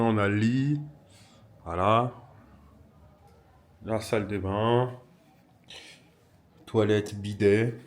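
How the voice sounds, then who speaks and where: A man casually vlogging on a trip, chatty and enthusiastic, with plenty of fillers. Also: fairly low pitch. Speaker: vlogger, influencer. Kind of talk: casual travel vlog, talking to camera. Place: hotel room and city streets. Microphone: handheld camera. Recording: noisy outdoor street ambience.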